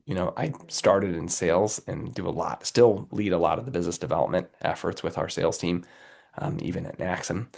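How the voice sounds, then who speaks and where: A man with a cold speaks as an interview guest, his voice low and gravelly with a raspy edge. He talks earnestly and motivationally, repeatedly checking in with the listener. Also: a little fast, darkish tone. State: has a cold, under the weather. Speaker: guest, company executive.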